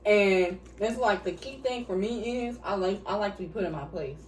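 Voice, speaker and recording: A woman with a mid-range voice chats casually at a moderate pace during a mukbang, blunt and swearing freely as she eats. She's a vlogger answering couple questions, recorded in an echoey room with a distant mic and faint hiss.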